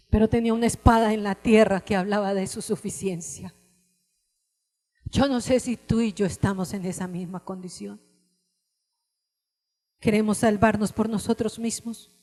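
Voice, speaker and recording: A woman's voice: mid-range voice, fairly even intonation, moderate pace, pauses often. Impassioned woman preacher in a reverberant hall. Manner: impassioned, rising to cries then dropping to hushed tones. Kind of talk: sermon. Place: church service.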